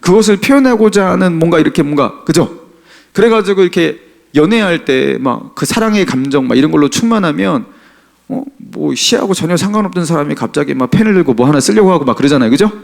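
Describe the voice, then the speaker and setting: A male pastor giving a Sunday sermon in a conversational style. He often turns to the congregation with questions and chuckles now and then, and his voice moves between emphatic raised lines and soft, low asides. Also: expressive, fast talker, vocal fry. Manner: chuckles while talking.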